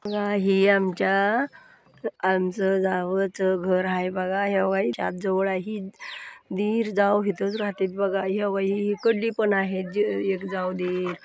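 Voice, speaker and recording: A woman's voice: mid-range voice, flat delivery, slow, gravelly, a little mellow. An older woman chatting casually as she shows around her village and fields outdoors, pointing things out as she goes. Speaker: vlogger showing her village. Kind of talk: casual village tour chat. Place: outdoors on a farm road.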